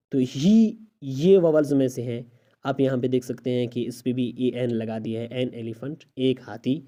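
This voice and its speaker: A man's voice: mid-range voice, mellow. A male English teacher giving a recorded grammar lesson, explaining step by step and asking rhetorical questions of his student.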